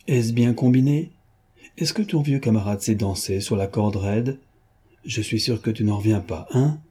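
A man voicing a mocking, boyish gentleman thief who talks to a young man in a teasing, patronizing way. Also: on the low side, moderate pace, husky.

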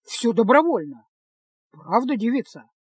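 A woman's voice: fairly high pitch, sing-song, unhurried, a little mellow, husky, dry recording, exaggerated voice. A woman reading a storybook, voicing a fawning, lying male bandit with a wheedling manner. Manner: wheedling, ingratiating.

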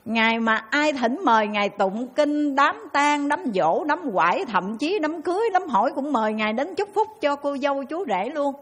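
Woman, Buddhist nun, Southern Vietnamese accent, dharma talk, lively storytelling, fairly high voice. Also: moderate pace, few pauses. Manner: lively storyteller who acts out the people in her stories.

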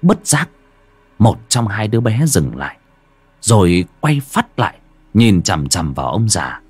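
A man narrating a horror story with dramatic, suspenseful pacing and sharp rises and drops. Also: lowish voice, very animated, a little slow, husky, no echo.

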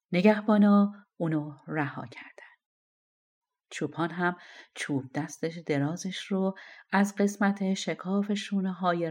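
A woman narrating a fairy-tale audiobook in an expressive storytelling manner. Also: fairly low pitch.

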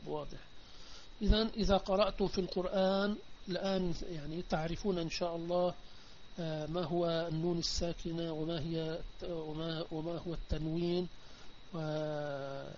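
High-voiced man teaching online. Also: darkish tone. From Palestine. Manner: explains step by step and keeps asking if students understood. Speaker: Islamic teacher. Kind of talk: online tajweed and Quran commentary lesson. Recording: dull lo-fi voice chat with faint noise.

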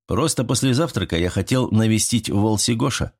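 A man's voice: lowish voice, moderate pace, close to an everyday voice. A man reading the lines of a modest, easygoing young man in an audiobook. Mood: relaxed. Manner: modest, relaxed.

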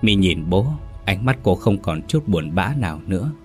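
A man narrating a horror story in a dramatic, measured way. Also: sits low, expressive. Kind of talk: scripted ghost story narration. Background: faint music.

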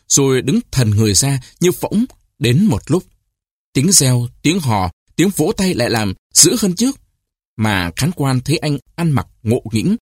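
Husky, lively male storyteller. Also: medium pitch, no echo, studio quality. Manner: expressive storytelling, lifting the voice for cries and quoted shouts. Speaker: narrator. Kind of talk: audiobook reading of a short story.

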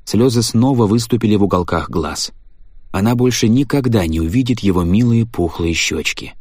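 A man narrating an audiobook story in a measured, even manner. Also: fairly low pitch, no room sound, studio quality. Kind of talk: scripted narration.

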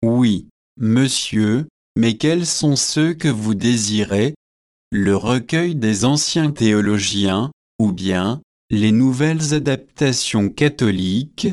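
A deferential bookshop clerk asking a customer what he wants, read by a man. His speech is slow and measured, set in a dry, close recording. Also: medium pitch, expressive, darkish tone, dry recording. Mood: polite. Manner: polite, deferential. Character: polite male shop clerk in a bookshop. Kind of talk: audiobook character reading.

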